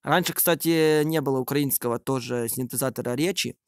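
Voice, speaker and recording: A man's voice: mid-range voice, a little fast, clean tone, no room sound, studio quality. A man giving casual, improvised screen-recording commentary, hesitantly thinking aloud. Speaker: video creator.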